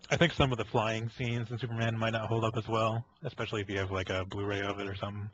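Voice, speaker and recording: A man in casual podcast chat, making quick brief remarks. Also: lowish voice, little pitch movement, a bit bright, dull audio. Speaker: podcast co-host.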